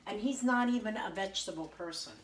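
A woman in her forties, hosting a home cooking show, walks through a recipe in her own kitchen at a fast clip, her mid-range voice chatty and homey as she tastes and praises the food. A counter camera at arm's length picks her up with a little hiss or hum, and dishes and utensils clatter faintly behind her in this casual indoor demonstration.

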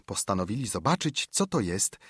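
Husky male audiobook narrator. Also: on the low side, very animated, moderate pace, a bit bright, no room sound, clean studio sound. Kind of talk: scripted narration.

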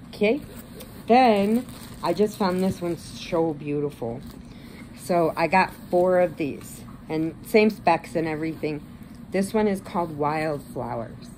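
A woman's voice: fairly low pitch, warm tone, slight background noise, poor audio. A woman with an American Midwestern accent chatting casually, telling stories and showing yarn in a crochet vlog. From Illinois, United States. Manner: chatty, laughs through her stories. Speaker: crochet vlogger. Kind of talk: casual storytelling and yarn haul.

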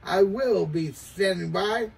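Slow and high-voiced, a gravelly older American man calls on CB radio with chanty, repeated catchphrases and sign-offs. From his small, cluttered home radio shack he speaks into a desk CB microphone, but the camera capturing him is far away, leaving the sound distant with some background noise.

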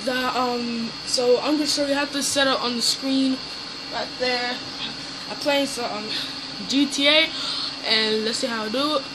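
A young man YouTuber casually rambles through a home vlog full of fillers and restarts, recorded on a phone camera moved around a small, dim bedroom. His voice is extremely high-pitched yet steady and unhurried, with a noisy background.

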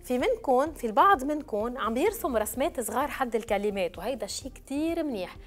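A woman teaching French words in a televised lesson, stretching out each word and spelling it slowly for her pupils. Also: high-pitched, expressive. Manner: slow, clearly spelled-out drilling of words.

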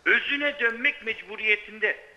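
A man phones in to a live sports show like a radio caller, and the line is dull and band-limited. His voice is high for a man and extremely bright and tense. He argues insistently, repeating each point for emphasis. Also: measured pace. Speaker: sports writer phoning in to a TV sports show. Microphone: telephone.

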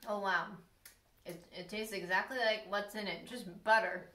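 A woman's voice: medium pitch, steady tone, normal speed, sharp tone. Upbeat young woman vlogging in a roomy kitchen. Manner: chatty, upbeat talk to camera. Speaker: host. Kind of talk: casual cooking vlog. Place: home kitchen.

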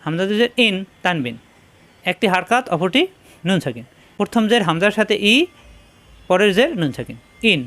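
A man teaching Quran reading in a spoken lesson, patiently repeating each letter sound slowly for practice. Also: sits high, big pitch swings, fairly bright tone. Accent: Bangladeshi Bengali.

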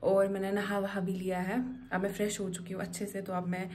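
A woman's voice: medium pitch, monotone, a little fast, a little mellow. A young woman from Kashmir chatting to her phone at arm's length, narrating her day as a vlogger, out on the streets, in a cafe and at home. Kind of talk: casual vlog chat.

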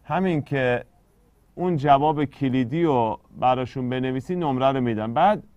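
Male teacher, exam prep poetry lesson, explanatory, smooth voice, dry slightly muffled sound. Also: mid-range voice, darkish tone, dry recording. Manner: explanatory, stretches syllables when scanning verse.

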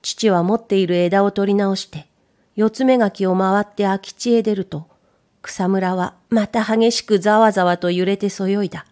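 Female narrator, mellow and dark in tone, measured storybook reading with hushed dips. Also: mid-range voice, steady tone. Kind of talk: scripted narration of a period story.

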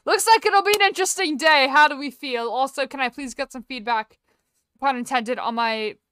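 A woman's voice: high-pitched, normal speed, a bit bright, clean tone, no room sound, studio quality. A woman streamer chatting casually and rambling with little asides while she games, her voice run through a heavily compressed mic. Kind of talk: casual live-stream chat while gaming. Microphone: desk mic with software compressor.

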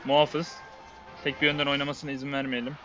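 A man's voice: medium pitch, completely flat delivery, fast talker, bright, forceful tone, lo-fi sound, soft background music. A man giving a live, muttered running play-by-play while he plays a game, often exasperated. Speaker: game streamer. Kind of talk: live gameplay commentary.

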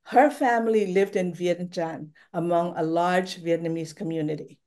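An older woman from Thailand speaking on a webinar from her home over a video call, telling her personal story in a measured, reflective way. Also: on the low side, darkish tone. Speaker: panelist. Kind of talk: prepared personal remarks on a webinar. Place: home room, indoors.

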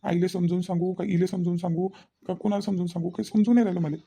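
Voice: medium pitch, little pitch movement, quick pace, creaky, mellow, breathy edge. A performer voicing a young husband in a cartoon, coaxing and pleading, caught between wife and mother, with a Vidarbha Marathi accent. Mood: helpless. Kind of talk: cartoon voice acting.

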